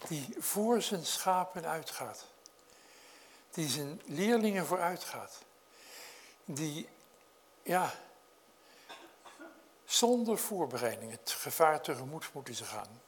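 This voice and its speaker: A man preaching a sermon, speaking earnestly to his congregation, lifting his voice when telling the story and dropping it low to reflect. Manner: addresses congregation directly with questions.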